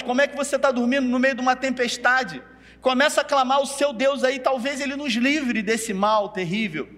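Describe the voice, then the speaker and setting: A man's voice: extremely high pitch, sharp tone. A preacher telling a Bible story in a sermon, calling out to his listeners by name. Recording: long reverb of a hall.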